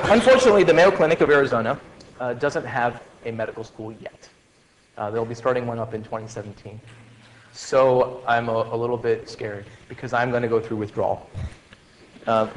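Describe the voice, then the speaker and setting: A man's voice: medium pitch, a little hiss or hum. A man in his forties giving a farewell lecture to medical students, conversational and joking, with many fillers and restarts. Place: lecture hall. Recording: reverberant lecture hall with faint ambience.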